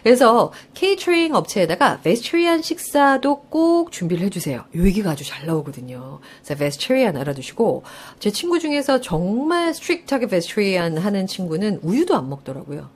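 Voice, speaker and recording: Woman, English test-prep lecturer, live online class, animated pitch, quizzes students, laughs often. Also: normal speed, few pauses, husky. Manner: lively, coaxing, asks students questions and answers herself; laughs often while explaining.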